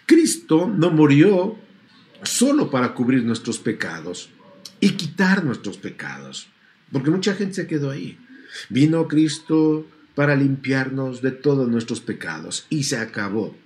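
A man's voice: mid-range voice, wildly swooping pitch, measured pace, a little mellow. A man preaching a sermon to a congregation, stretching out key words and asking rhetorical questions.

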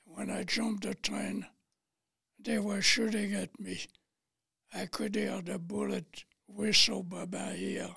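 Speaking slowly and haltingly as an interview guest, a French veteran from Paris in his late nineties plainly recounts his own past in non-native English. His high voice is thin, raspy, breathy, and very husky, breaking into heavy fry, and he keeps a level, pushed, bright tone. It's clean studio audio with no echo.

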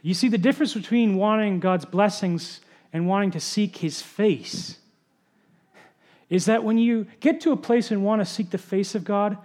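A man pastor preaching a sermon, often dropping to a soft, low voice to stress a point. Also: normal speed. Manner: drops to a soft low voice for emphasis.

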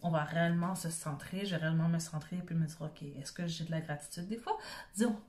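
There's a little hiss or hum behind this low-pitched, darkish, fast-paced woman's voice. With a Quebec French accent, she coaches listeners through an informal, conversational motivational talk, repeatedly tossing in short tag questions.

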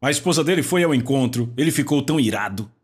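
Husky, animated male preacher. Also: medium pitch, quick pace. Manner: animated, mocking mimicry of believers, rising to shouts. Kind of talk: sermon.

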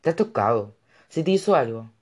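A man's voice: mid-range voice, sing-song, fairly quick, voice pushed up. A narrator doing a wary, protective young man. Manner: cautious, earnest. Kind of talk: audiobook character voice.

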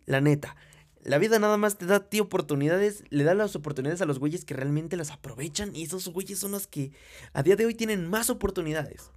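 This young Mexican motivational speaker has a high-sitting, darkish voice and talks fairly quickly in a Mexican Spanish accent. He delivers a crude, no-nonsense monologue addressed right at the listener.

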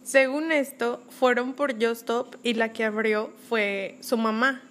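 A woman's voice: a little high, steady tone, slow pace, fairly bright tone, slight background noise. A woman with a Mexican accent co-hosting a podcast in a casual, gossipy conversational style. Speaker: podcast co-host.

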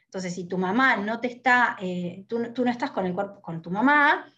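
A woman's voice: mid-range voice, normal speed, lo-fi sound. A woman, a lactation educator giving an earnest teaching talk and often ending points with a questioning tag. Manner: earnest, steady explaining, frequent questioning tags.

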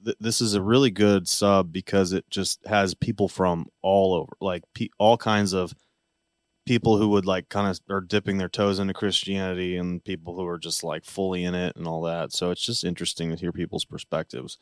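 A man's voice: low voice, flat delivery, moderate pace, dry recording, clean studio sound. A man co-hosting a podcast, rambling casually with jokey asides and restarts. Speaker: podcast co-host. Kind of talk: casual chat.

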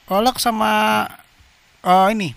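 A man's voice: high-pitched, steady tone, slow, creaky, a bit bright, smooth. A young man in a casual group chat, easygoing and agreeable. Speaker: podcast co-host.

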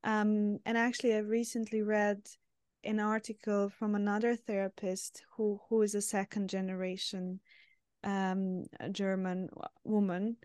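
A woman from Serbia hosting a psychotherapy podcast interview, speaking in a measured way while searching for words. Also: mid-range voice, little pitch movement, a little mellow, clear, resonant tone, no echo. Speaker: podcast host, therapist. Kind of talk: interview conversation.

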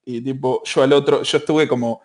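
A man's voice: medium pitch, fairly even intonation, brisk, a little mellow. A young man with a Rioplatense Spanish accent, hosting a podcast and telling a story in rambling casual chat with lots of fillers. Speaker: podcast host.

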